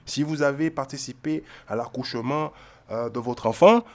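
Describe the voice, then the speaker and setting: A man who calls himself a brother teaches from the Bible in a casual way. He keeps checking in with his listeners, and his voice swings between loud bursts and low mutters. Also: normal speed. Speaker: self-styled Bible teacher. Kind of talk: informal Bible reading with commentary.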